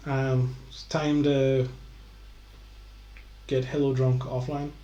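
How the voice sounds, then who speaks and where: A man's voice: medium pitch, little pitch movement, slow, warm tone, muffled recording. A very drunk man rambles casually as he hosts a live stream, swearing and stumbling over his words. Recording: roomy, echoey room sound.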